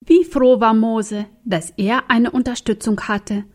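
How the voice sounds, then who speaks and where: A woman reading a Bible story aloud for young children, in an earnest, gentle storytelling manner with questions to her listeners. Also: fairly high pitch, steady tone, measured pace.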